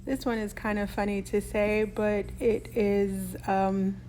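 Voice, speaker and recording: A woman's voice: mid-range voice, little pitch movement, slow, darkish tone, slight background noise. A woman hosting a shopping channel who explains how to say tricky words in a chatty way, laughing lightly now and then. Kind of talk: casual explanatory lesson.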